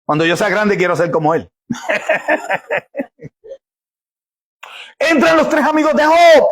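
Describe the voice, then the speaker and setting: A man's voice: high-pitched, big pitch swings, slow, fairly bright tone. A man preaching a sermon, emphatic and conversational, often restarting and repeating his words.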